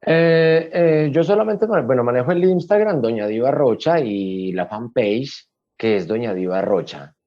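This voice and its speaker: A man's voice: medium pitch, expressive, measured pace, dull audio. A Colombian man being interviewed, speaking bluntly and emphatically with frequent restarts, in a casual chat. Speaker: guest.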